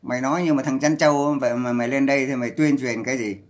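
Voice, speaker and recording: A man's voice: medium pitch, fairly even intonation, quick pace. A man ranting on a livestream, scolding and cursing in a heated voice. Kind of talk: angry livestream rant.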